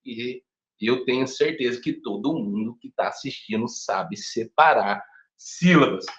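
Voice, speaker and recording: A man with a Brazilian Portuguese accent giving a first aid lecture to teachers, animated and chatty, often checking that his listeners follow. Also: mid-range voice, unhurried. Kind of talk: online teacher training lecture. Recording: echoey room, dull lo-fi sound.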